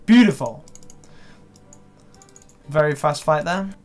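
A young man doing live gameplay commentary, swearing and breaking into excited shouts. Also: fairly high pitch, moderate pace, soft background music. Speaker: gaming video creator.

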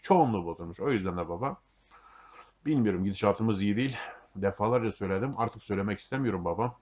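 A middle-aged man telling stories in a casual monologue, blunt and full of profanity, grumbling and fatalistic. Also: lowish voice. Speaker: YouTube monologue host.

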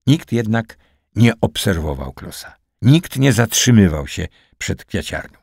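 A man narrating a wartime spy novel as an audiobook in a steady, dramatic reading. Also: fairly low pitch, unhurried, vocal fry, slightly rough, dry recording, clean studio sound. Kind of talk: scripted narration.

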